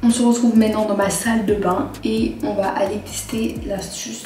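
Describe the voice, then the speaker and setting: A woman's voice: mid-range voice, level tone, normal speed. A young woman chatting casually through a vlog, giving self-mocking commentary as she tries things out at home. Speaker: vlogger testing tips. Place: at home, later a bathroom. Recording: roomy room with faint music.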